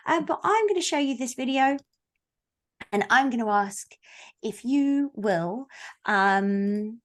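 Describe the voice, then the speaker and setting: A woman hosting an online book launch over a video call, chatty and playful, teasing the audience and owning up to being a stickler for the rules. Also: mid-range voice. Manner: self-described stickler for rules. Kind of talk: casual chat on a video call. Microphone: video call mic.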